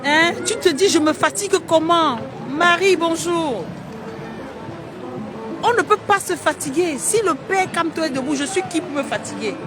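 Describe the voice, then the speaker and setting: A man's voice: very high voice, lively intonation, fairly quick, hardly any pauses. A man, live-streaming from a busy city square and greeting viewers by name in a chatty, teasing way. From Cameroon. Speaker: livestream host. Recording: street crowd and music behind.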